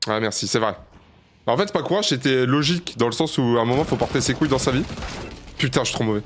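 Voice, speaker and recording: A man plays a shooter on a live stream, narrating his game with frequent swearing and self-mockery. His calm, low muttering is punctuated by sudden shrill outbursts, and he talks quickly over a noisy background.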